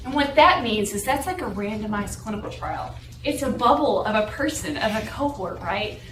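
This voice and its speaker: Standing at a lecture-room podium, this young guest lecturer speaks in an expressive mid-range voice at a moderate pace, explaining her seminar material and frequently tossing in "right?" to check with listeners. Her accent is lightly Southwestern, from New Mexico and Texas, with a North Carolina drawl. A distant camera picks her up, so the sound is echoey with background noise.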